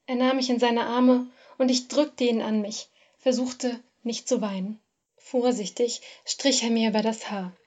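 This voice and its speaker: A woman narrating a first-person literary story in a measured, expressive reading. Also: on the high side.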